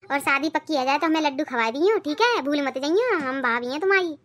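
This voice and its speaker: A woman puts on a playful young sister-in-law in a village cartoon. The voice is very high and bright, quick and teasing. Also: lively intonation. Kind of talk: cartoon dialogue.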